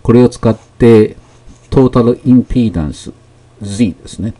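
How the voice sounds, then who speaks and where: A man teaching a lesson, explaining technical terms slowly with many fillers and pauses. His first language is Japanese. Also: medium pitch, mellow. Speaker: math teacher.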